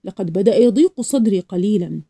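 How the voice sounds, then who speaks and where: A woman's voice: mid-range voice, lively intonation, fast talker, warm tone, husky. A woman voicing a polite young man trapped in a locked room, read from a storybook.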